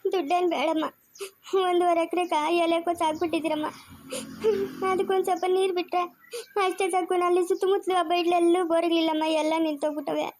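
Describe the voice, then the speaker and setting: A poor, older village woman with a rural Chikkaballapur Kannada accent begs for help through tears, as an actress plays her in an amateur family drama. Her voice is high and her words come quickly. She pleads in a tearful, broken way. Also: steady tone, a little mellow. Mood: pleading. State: crying.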